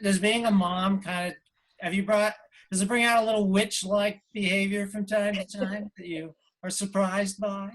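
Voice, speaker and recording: A man's voice: high voice, little pitch movement, normal speed, a bit bright. A middle-aged man hosting a comedy fundraiser on a video call, asking teasing questions and laughing at his own jokes. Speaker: host. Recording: noisy video call line.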